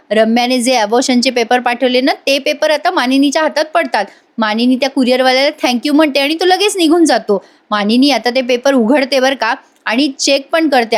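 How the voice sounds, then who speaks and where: A woman giving a casual voice-over recap of a TV serial episode, chatting with her listeners. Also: sits high. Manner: chatty, often addresses listeners directly. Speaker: TV serial reviewer.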